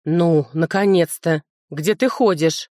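A woman reading an audiobook and voicing a brash, amorous young man who is a dragon shifter, with a deep bass voice and a slow, pushy, teasing manner. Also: a little mellow, dry recording, clean studio sound.

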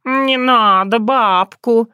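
A woman voicing a slow, courtly talking cat. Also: mid-range voice, lively intonation, fairly bright tone, clean tone, no echo, studio quality. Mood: startled. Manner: slow, ceremonious, purring.

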